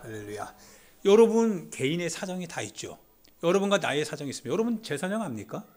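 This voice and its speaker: Male pastor, emotional sermon delivery; slightly high, very animated pitch; hushed asides, loud climaxes, repeated phrases. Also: quick pace. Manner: emotional, swings from hushed whispers to loud exclamations.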